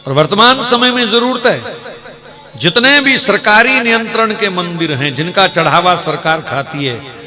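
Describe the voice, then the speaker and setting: A man's voice: high-pitched, lively intonation, a little slow, pushed and bright, soft background music. A man preaching and telling a story in a sermon, in an impassioned, exhorting way. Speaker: devotional preacher.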